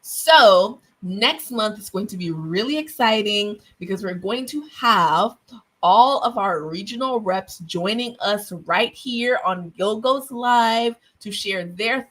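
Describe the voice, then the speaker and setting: A woman's voice: medium pitch, a bit bright, low-quality recording. A woman hosting a casual livestream from her home office, chatty and self-deprecating with lots of fillers. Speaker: host and guild president. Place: home office with open windows.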